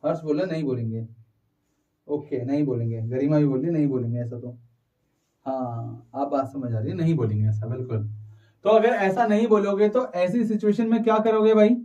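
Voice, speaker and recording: A man teaching an online economics class, urging students to answer fast and mixing Hindi with English terms. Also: fairly high pitch, dark tone, distant mic, dull audio. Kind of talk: live online class lecture.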